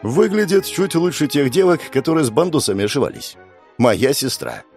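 A man's voice: fairly high pitch, very animated, normal speed, a little mellow, soft background music. A man narrating an audiobook in the first person, with a wry, sardonic inner monologue on a close mic.

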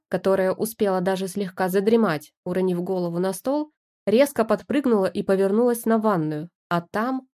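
A woman reads a first-person story aloud with lively, wry delivery. Her storytelling is steady and expressive, in the manner of an audiobook narrator. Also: medium pitch.

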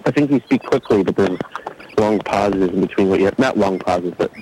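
Low-voiced male caller on a noisy phone. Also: brisk, a little mellow. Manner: keeps his voice down, easygoing. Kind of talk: casual phone chat. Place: outdoors outside his house.

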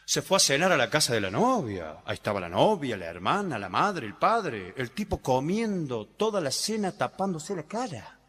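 A man's voice: very animated, a bit bright. A man with a Rioplatense Spanish accent doing stand-up, rattling off jokes and acting out his characters' lines. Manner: rapid joke delivery, voices his characters' lines with pitch jumps. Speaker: stand-up comedian. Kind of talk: stand-up joke telling. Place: live stage show. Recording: reverberant live hall, noisy. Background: audience laughter and applause.

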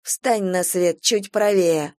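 A woman's voice: fairly low pitch, darkish tone, no room sound, studio quality. Woman playing a grim, commanding captive woman. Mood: slow, cold. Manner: slow, measured, commanding.

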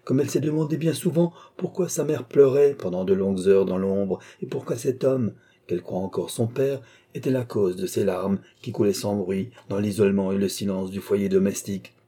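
A man voicing a long-suffering wife and mother who stands up to her husband, in a dark, husky voice raised a little above his own. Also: fairly low pitch, moderate pace, hardly any pauses. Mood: indignant. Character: wife, a resigned mother, now defiant, a woman of middle age.

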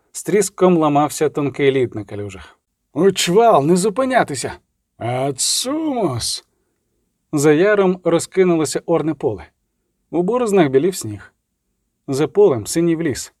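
A man reading an audiobook in a steady, measured dramatic manner. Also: on the high side, no room sound, clean studio sound. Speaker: audiobook narrator. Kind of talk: scripted audiobook narration.

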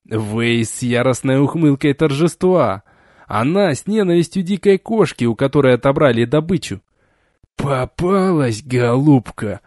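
A man reading an adventure novel aloud as an audiobook, in an expressive storytelling way. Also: mid-range voice, moderate pace, dry recording, studio quality. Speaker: audiobook reader. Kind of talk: audiobook narration.

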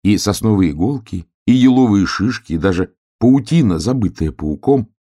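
A man with a very low, gravelly voice narrates a children's story slowly and gently. His delivery rises and falls in a lively way. A husky breath runs through it.

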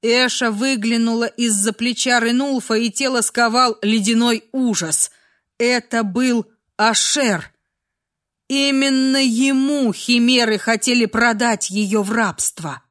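Woman reading a dark fantasy audiobook, fairly high voice, measured and expressive. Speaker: audiobook narrator. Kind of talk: dramatic audiobook narration.

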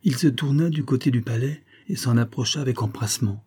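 A man reading a historical novella aloud in a steady storytelling manner. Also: medium pitch, a little fast, breathy edge. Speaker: audiobook reader. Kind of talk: scripted narration of a historical novella.

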